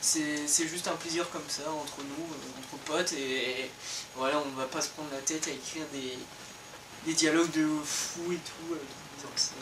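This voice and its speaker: A man's voice: fairly high pitch, fairly even intonation, normal speed. A young man co-hosting a casual, improvised chat between friends, rambling and hesitant with lots of filler words. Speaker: co-host. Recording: echoey room, distant mic, noisy.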